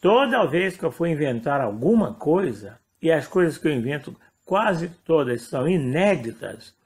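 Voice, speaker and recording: A man, a pastor with a Brazilian Portuguese accent, telling a personal testimony in a rambling way and correcting himself as he goes. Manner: rambling, self-correcting storytelling with lively pitch swings. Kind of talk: testimony sermon.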